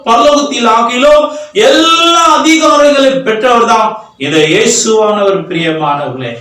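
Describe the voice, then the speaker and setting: A man's voice: very high voice, a bit bright, distant mic. A man preaching a sermon, building fervent runs of repeated phrases. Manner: fervent, rising and falling emphasis. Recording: echoey hall, voice from afar.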